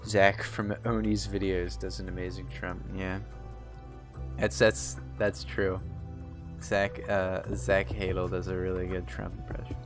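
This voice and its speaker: A man's voice: sits low, flat delivery, a little slow, over music. A young man streaming a game, chatting casually in a rambling way full of fillers and restarts. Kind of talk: casual chat while gaming.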